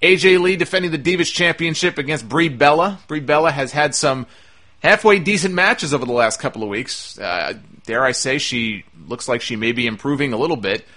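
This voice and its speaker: A man's voice: on the high side, lively intonation, a little fast, pushed and bright. A man hosting a solo wrestling podcast, giving opinionated commentary in a conversational way. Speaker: podcast host.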